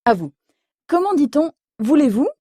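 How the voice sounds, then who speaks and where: A woman teaching an audio language lesson, explaining slowly and clearly and spelling words out letter by letter. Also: high voice, sing-song, warm tone, no room sound.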